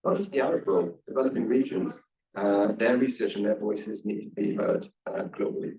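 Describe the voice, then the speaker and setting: A man's voice: on the low side, normal speed, dark tone. A man speaking on a conference panel, hesitant with many fillers. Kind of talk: panel discussion. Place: conference room. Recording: roomy hall audio from a distance.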